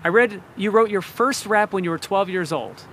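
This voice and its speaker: A man asking quick, upbeat rapid-fire questions as an interviewer. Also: high-pitched, a bit bright, slight background noise.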